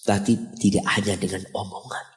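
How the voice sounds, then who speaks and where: Preacher in an echoing hall. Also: male voice, little pitch movement, brisk. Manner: storytelling, rising to high emphatic passages. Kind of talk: sermon. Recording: long hall reverb.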